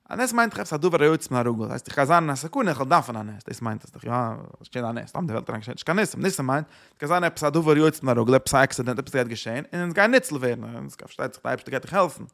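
A man giving an informal religious teaching, halting and repeating himself, with English words mixed in. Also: medium pitch, lively intonation, vocal fry, a bit bright.

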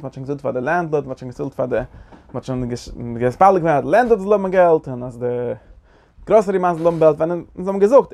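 A man's voice: a little high, creaky, darkish tone. A man giving a Torah lecture, asking rhetorical questions and restarting phrases often. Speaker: Torah teacher.

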